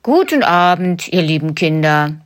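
A woman voicing a kindly, slow-spoken old St. Nicholas in a storybook reading. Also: on the low side, sing-song. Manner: slow and measured.

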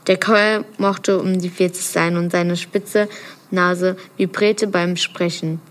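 A woman's voice: lowish voice, level tone, slow. Woman reading a novel aloud, self-correcting. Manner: earnest reading with occasional stumbles and self-corrections. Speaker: reader of a novel excerpt. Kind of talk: first-person novel reading.

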